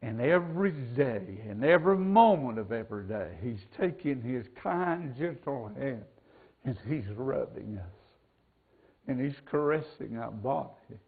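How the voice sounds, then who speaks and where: A male pastor preaching a sermon into a pulpit microphone, slow and deliberate, dropping to a hush and swelling up again. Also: mid-range voice, expressive, slightly rough. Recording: tinny lo-fi church recording.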